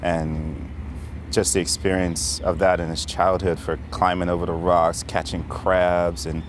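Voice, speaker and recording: A man's voice: deep voice, flat delivery, unhurried. A man from Bermuda talking reflectively in an interview. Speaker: artist being interviewed. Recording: outdoor traffic noise. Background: faint traffic and outdoor ambience.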